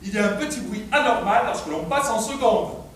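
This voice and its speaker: A man's voice: high voice, fairly quick, a bit bright. A man playing a fussy, obliging chauffeur with formal, earnest manners, in theatrical stage comedy style. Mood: excited. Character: fussy, obliging male chauffeur obsessed with his car, muddled actor. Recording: distant, very echoey, slightly noisy stage recording.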